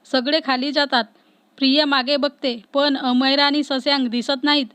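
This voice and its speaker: Woman, storyteller, high voice, steady even reading, dry close sound. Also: moderate pace, no echo. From Maharashtra, India. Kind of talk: scripted story narration.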